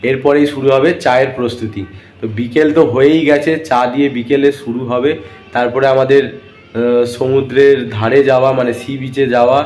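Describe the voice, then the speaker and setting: A man's voice: mid-range voice, a little mellow, echoey room. A tired man talking casually to his viewers in a travel vlog. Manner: chatty, talks straight to viewers. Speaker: vlogger. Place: hotel and beach town, indoors and out.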